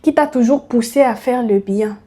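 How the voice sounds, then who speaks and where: Woman preaching, lots of rhetorical questions, talks right to you, warm mellow voice. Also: a little high, normal speed. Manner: rhetorical questions, addresses listener directly. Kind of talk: motivational sermon.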